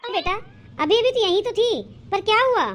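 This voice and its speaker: A woman's voice: very high-pitched, lively intonation, a little fast, fairly bright tone. A woman voicing a worried older mother-in-law in a cartoon, weary and lamenting.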